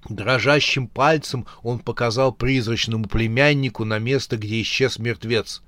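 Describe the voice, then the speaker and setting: A man narrating a comic horror storybook in a measured, unhurried reading. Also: mid-range voice, fairly even intonation, fairly bright tone, no room sound. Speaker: audiobook narrator.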